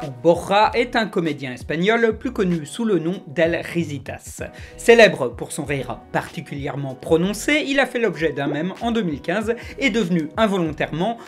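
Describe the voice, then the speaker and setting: A man hosting a web series, delivering scripted commentary at a quick clip with sarcastic asides. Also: sits high. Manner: rapid, animated delivery. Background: faint background music.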